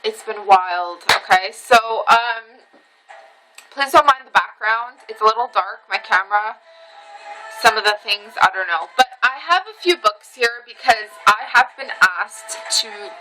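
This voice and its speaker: On a rough recording with music in the background, a woman speaks a little high and a little slow. She's a vlogger at home in a dim room, somewhat tipsy on red wine, drifting through emotional, casual rambling with many ums; she's an Armenian heritage speaker who reads Western Armenian.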